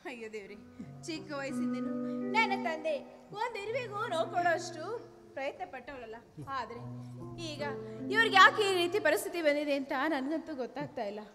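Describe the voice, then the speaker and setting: A devoted young daughter, played by a woman pleads through tears in a village stage drama. Her voice is very high-pitched. Clear stage music plays behind her. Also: big pitch swings, fairly quick. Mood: pleading. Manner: tearful, pleading cries.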